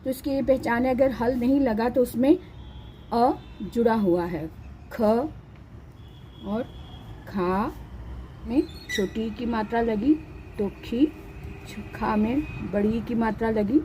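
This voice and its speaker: A woman's voice: fairly high pitch, measured pace, noisy background. A woman teaching a patient, step-by-step lesson, saying each syllable twice. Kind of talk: slow step-by-step Hindi lesson.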